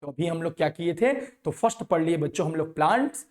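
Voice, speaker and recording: A man's voice: fairly high pitch, lively intonation, fairly quick, darkish tone. A man teaching a science lesson to schoolchildren, repeating words and asking questions that he then answers himself. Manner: repetitive call-and-response questioning.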